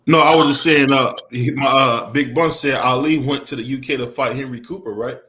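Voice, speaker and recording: A man's voice: medium pitch, a little fast, sharp tone. A man chatting casually, easygoing, cutting in with somewhat hesitant remarks. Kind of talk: casual chat.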